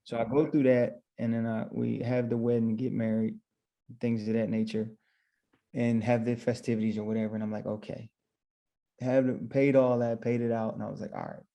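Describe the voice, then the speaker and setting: A man's voice: mid-range voice, flat delivery, a little fast, creaky, mellow. A man who owns barbershops, guest on a podcast, telling his story casually and retelling his own thoughts as quotes.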